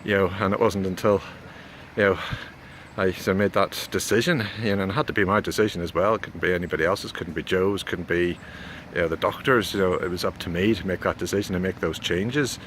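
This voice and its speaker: Deep-voiced man, noisy outdoor recording. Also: a bit bright. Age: 40s. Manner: hesitant, halting, with repeated words and frequent "you know". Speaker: video blogger giving a health update. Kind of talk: casual rambling spoken vlog. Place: outdoors near a road. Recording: clear background noise, outdoors with passing traffic.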